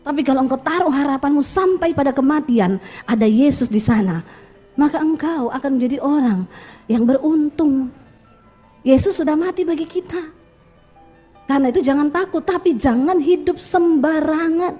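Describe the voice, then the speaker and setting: High-voiced woman preaching a sermon. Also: moderate pace, soft background music. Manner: lively storytelling sermon with quoted voices and rhetorical questions. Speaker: pastor.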